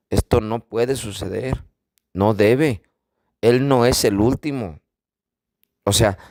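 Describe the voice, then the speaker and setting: A man's voice: mid-range voice, a little mellow, no room sound, clean studio sound. A man giving an informal spiritual teaching, emphatic and repeating phrases for stress. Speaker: religious teacher.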